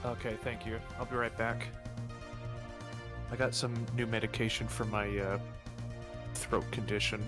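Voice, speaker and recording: Even-toned man chatting at a game. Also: lowish voice, measured pace, long pauses, music in the background. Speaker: tabletop game player. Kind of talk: casual chat.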